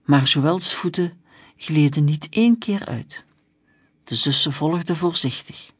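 A storyteller reading a children's book aloud in an even, measured way. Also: mid-range voice, slightly rough, no room sound, studio quality. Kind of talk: scripted storybook narration.

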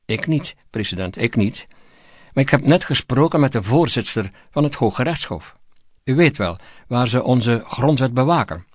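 A man's voice: medium pitch, expressive, moderate pace, a little mellow, no room sound, natural voice. A man voicing a cautious male minister who speaks hesitantly and deferentially, recorded dry and close. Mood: timid.

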